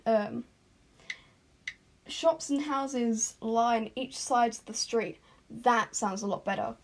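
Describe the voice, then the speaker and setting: A woman reads fan fiction aloud as an amateur, informal and self-conscious, often stumbling and re-saying lines, with retakes and asides. Her voice is slightly high and steady, and she takes it slowly.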